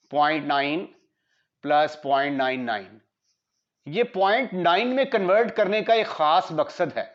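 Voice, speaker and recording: Pakistani male maths lecturer, slow and deliberate, checks in with "right?", muffled lo-fi sound. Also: on the high side. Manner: slow, mixes Hindi-Urdu with English maths terms; asks students rhetorical checks. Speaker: maths teacher. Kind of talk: classroom lecture. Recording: dull lo-fi lecture audio.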